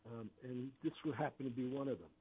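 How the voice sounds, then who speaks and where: A man's voice: mid-range voice, fast, a little hiss or hum. A man in his seventies, an author, talking casually over a remote call with lots of fillers while his audio keeps cutting out. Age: 70s. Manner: rambling, many uh fillers. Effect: choppy audio cutting out mid-word. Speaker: author guest. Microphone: headset microphone. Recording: tinny choppy internet call line.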